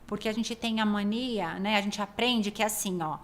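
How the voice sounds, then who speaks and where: A woman's voice: medium pitch, normal speed, slight background noise. Woman podcast host. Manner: explanatory, acts out quoted dialogue. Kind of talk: casual interview talk.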